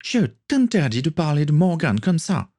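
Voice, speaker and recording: A man voicing a spirited, defiant young woman in a read-aloud story, speaking high and heated. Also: very animated, unhurried, dark tone, breathy edge, heavily acted. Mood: indignant.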